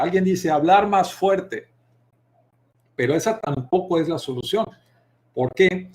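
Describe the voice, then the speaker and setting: Mexican male speaking coach, middle-aged, slightly high voice, expressive, shifts volume and pace to demonstrate. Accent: Mexican Spanish. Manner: deliberately varies volume, pitch and pace to demonstrate vocal technique; expressive, addresses viewers directly. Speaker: public speaking instructor. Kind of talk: live online masterclass.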